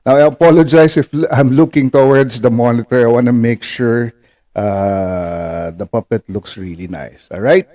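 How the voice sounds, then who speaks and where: In a warm, mid-range voice at a moderate pace, a ventriloquism instructor walks through an instructional demonstration. He's patient, repeats things, and regularly checks in using short tag questions.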